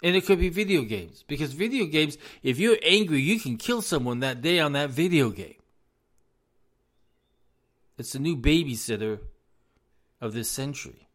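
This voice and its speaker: A man with a slightly raised pitch gives informal advice on parenting, speaking earnestly and repeating phrases for emphasis. His voice is going a little hoarse as he talks. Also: animated, moderate pace, long pauses, fairly bright tone. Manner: earnest, repetitive, addresses parents directly. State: losing his voice.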